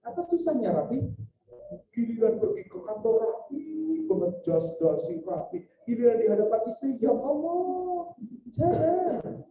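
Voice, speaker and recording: A man's voice: sits high, sing-song, moderate pace, warm tone, muffled recording. A man preaching a sermon on marriage at a celebration, joking and quizzing his audience. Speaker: Islamic preacher. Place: event hall. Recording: echoey hall, mic far off.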